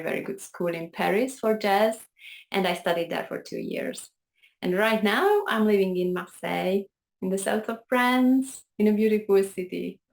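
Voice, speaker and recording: Her voice low and creaky, a Hungarian-accented woman from Hungary describes her journey as a piano teacher. She speaks earnestly as an interview guest on a video call, telling her story conversationally.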